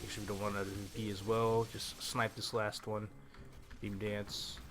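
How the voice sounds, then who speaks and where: Game music runs under a young adult male gaming host who narrates a laid-back walkthrough, thinking out loud. His lowish voice keeps a level tone at a moderate pace and sounds a bit bright. The close desk microphone picks up slight background noise.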